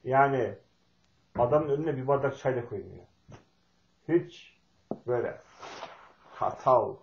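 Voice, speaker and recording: A middle-aged man from Turkey telling a folksy, meandering family story with pauses and fillers. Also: medium pitch, roomy sound, dull audio, a little hiss or hum. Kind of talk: spoken talk with personal storytelling.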